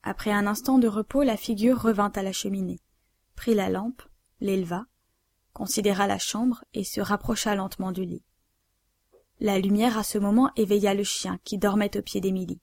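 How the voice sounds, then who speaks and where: A woman narrating a novel aloud in a measured, even way. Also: medium pitch, creaky, no echo. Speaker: audiobook narrator.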